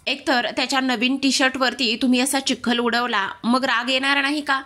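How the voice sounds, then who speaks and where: Woman acting fiery young woman, protective, indignant, raised voice, quick, high-pitched. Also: little pitch movement, sharp tone. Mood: angry.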